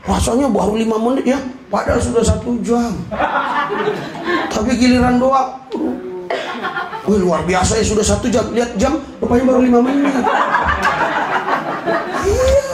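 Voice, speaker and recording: A man preaching a lively, joking sermon as a pastor, often shouting and laughing. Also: very high-pitched, moderate pace, long pauses, heavy background noise. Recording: echoey hall with congregation.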